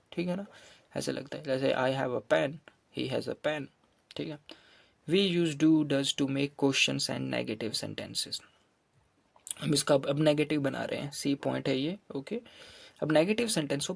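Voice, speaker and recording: A man's voice: a little high, creaky, no room sound. A man teaching English grammar, explaining patiently and repeating example sentences with their translations. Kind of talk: grammar lesson mixing Hindi and English.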